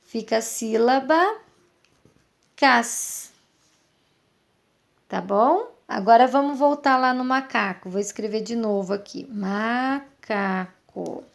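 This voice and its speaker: Brazilian woman teacher, higher voice, stretches syllables for small kids. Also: expressive. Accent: Brazilian Portuguese. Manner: slow, drawn-out syllables, coaxing questions to children. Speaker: primary school teacher. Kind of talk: online lesson for young children.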